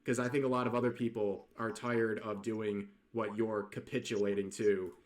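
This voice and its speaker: A man's voice: lowish voice, flat delivery, moderate pace. A man giving critical, dismissive online video commentary and a channel outro.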